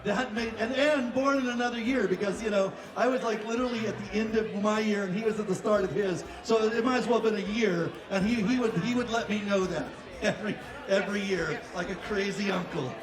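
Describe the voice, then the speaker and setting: A man in his fifties with a high voice tells a joking, chatty story as emcee, laughing as he goes. He speaks into a stage mic in a small club, taped from far off in the audience. The room echoes and a crowd murmurs behind him. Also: brisk. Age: 50s. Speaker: event emcee. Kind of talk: casual stage banter and storytelling. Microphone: stand mic on stage, taped from the audience.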